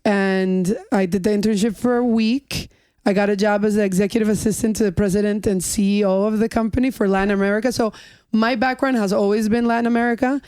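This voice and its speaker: Woman, middle-aged, podcast guest, conversational, smooth voice, medium pitch. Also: steady tone, fast, darkish tone, dry recording. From New York. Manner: chatty, joking about her age. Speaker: music executive guest. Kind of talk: casual podcast interview.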